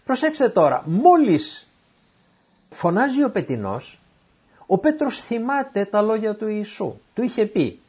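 A man's voice: sits high, breathy edge. A man preaching a sermon who reads scripture verses and then retells them in everyday words. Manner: animated, acts out the quoted speakers. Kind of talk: sermon explaining a Bible passage. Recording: dull lo-fi recording.

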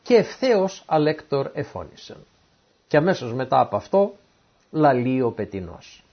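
Husky man preaching with lively pitch. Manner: reads ancient scripture verses, then retells them in everyday words; animated, acts out the quoted speakers. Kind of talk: sermon explaining a Bible passage. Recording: dull lo-fi recording.

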